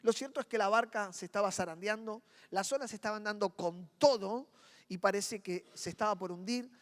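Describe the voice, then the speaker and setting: A male pastor with a Rioplatense Spanish accent preaching a dramatic sermon, dropping to quiet moments and rising to loud ones as he acts out inner voices. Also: high-pitched, moderate pace, long reverb tail.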